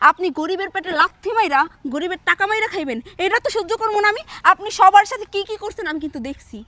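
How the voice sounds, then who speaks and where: Woman acting as a defiant female laborer, indignant and firm, high bright quick voice. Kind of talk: short-film drama acting.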